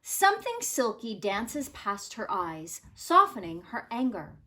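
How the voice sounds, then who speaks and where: Speaking at a medium pitch, a woman reads a children's picture book aloud in the manner of a teacher. Her delivery is slow, deliberate, and full of storytelling expression.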